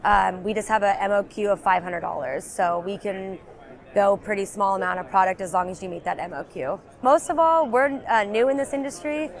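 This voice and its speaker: A woman's voice: mid-range voice, moderate pace, vocal fry. A woman working as a beverage sales representative, explaining ingredients in a trade show interview, with frequent ums and you-knows. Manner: explanatory, many fillers like um and you know.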